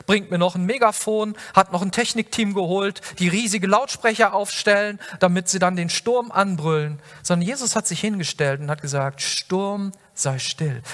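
A man's voice: sits high, a bit bright. A male pastor giving a sermon, speaking earnestly and directly to the listener with many rhetorical questions. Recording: long hall reverb.

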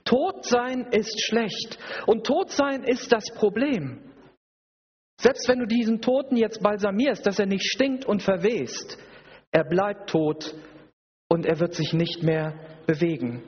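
A man with a high-pitched, husky voice speaks slowly while preaching a sermon at a church service. He is emphatic and repetitive and poses rhetorical questions, captured in a dull recording within a reverberant hall.

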